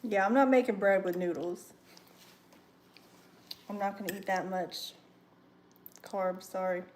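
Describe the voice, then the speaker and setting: A young woman chatting casually on a kitchen livestream, full of fillers and savoring her food out loud. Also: medium pitch, unhurried, slight background noise. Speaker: livestream host. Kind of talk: casual livestream cooking chat. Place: home kitchen.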